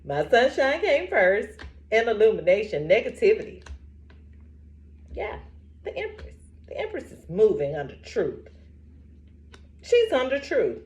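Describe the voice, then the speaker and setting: Talking to her camera as a vlogger, a woman with a voice on the high side tells lively stories, laughing often and repeating affirmations in a preacher-like way. She's unhurried and pauses a lot, and the recording sounds muffled.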